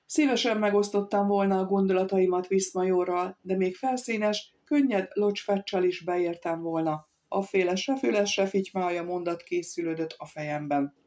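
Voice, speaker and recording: A woman's voice: medium pitch, fairly even intonation, hardly any pauses, a little mellow. Woman reading an audiobook. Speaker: audiobook narrator.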